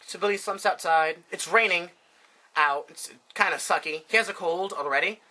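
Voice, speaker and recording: A storyteller telling a rambling, profane comic tale to friends in a deadpan way. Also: medium pitch, moderate pace, rough recording.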